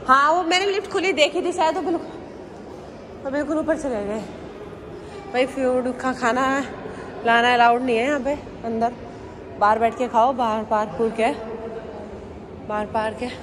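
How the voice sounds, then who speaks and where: Filming herself on a handheld phone at arm's length, a young Indian travel vlogger walks through big museum halls and talks directly to her viewers in a chatty way. Her high voice stays fairly even at a moderate pace, with frequent pauses, and the busy museum makes the phone audio noisy.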